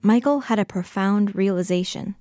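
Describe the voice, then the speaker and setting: A woman hosting a podcast, reading scripted narration in a measured, gentle storytelling voice. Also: mid-range voice, dry recording, clean studio sound. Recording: narration over clear music.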